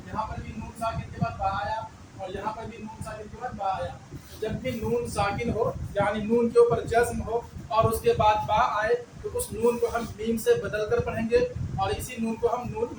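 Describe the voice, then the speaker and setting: High-voiced man teaching in an echoey room. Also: recorded from a distance. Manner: patient, asks and answers his own questions, repeats key words. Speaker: Urdu teacher. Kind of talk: beginner language lesson. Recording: echoey, mic set back, traffic noise.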